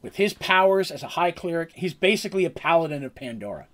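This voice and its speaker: A man with a fairly high voice recaps a tabletop role-playing battle as the game master. He rambles casually, stopping to correct himself and filling gaps with ums. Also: lively intonation, fast talker, a bit bright.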